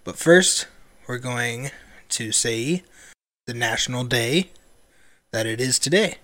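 A young man co-hosting a family podcast in casual chat, relaxed and halting, with lots of fillers and restarts. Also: medium pitch. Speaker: podcast co-host.

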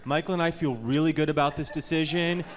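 A man's voice: fairly high pitch, fairly even intonation, fast. A man performing live sketch comedy in an earnest, exasperated way. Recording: live stage show with crowd and hall echo.

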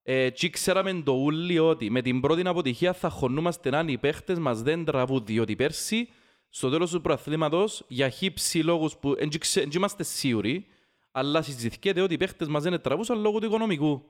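A man with a Cypriot Greek accent talking football casually, opinionated and emphatic, repeating phrases to drive his point home. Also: a little high. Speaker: football fan podcast host. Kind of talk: casual heated football discussion.

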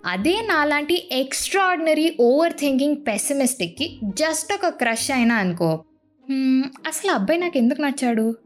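A young woman hosts her podcast in a playful, self-mocking monologue and slips English phrases into her talk. Her voice sits a little high, and she acts out her anxious inner thoughts as she goes. Faint music plays behind her. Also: sing-song, normal speed. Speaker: podcast host. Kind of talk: scripted monologue to the listener.

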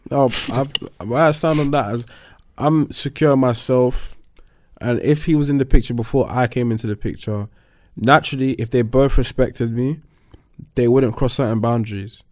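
A man's voice: mid-range voice, fairly even intonation, normal speed, darkish tone, no echo, clean studio sound. A young man with a London roadman accent and slangy turns of phrase, giving his opinions in a casual group discussion. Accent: London, urban roadman slang.

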